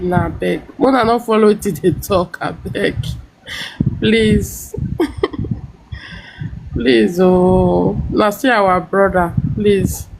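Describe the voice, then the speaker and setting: A woman's voice: mid-range voice, poor audio. Pleading woman with Nigerian Pidgin accent. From Delta State, Nigeria. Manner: pleading, coaxing. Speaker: live stream guest.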